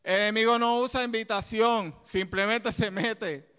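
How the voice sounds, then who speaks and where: This sermon comes from a man with a high, smooth, resonant voice, delivered with energy and packed with quick asides and laughter. The long reverb of a large hall surrounds the sound.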